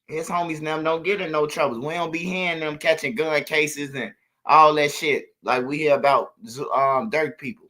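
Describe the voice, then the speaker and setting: A man talks through street news in loose, casual commentary, blunt and repetitive. His voice is bright and forceful and sits a touch high. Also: fairly even intonation, normal speed, few pauses.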